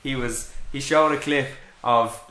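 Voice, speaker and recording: A man's voice: medium pitch, fairly even intonation, a little slow, pushed and bright. A man co-hosting a casual football podcast, wry and telling stories with mock impressions. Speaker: podcast co-host. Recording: echoey room with faint noise.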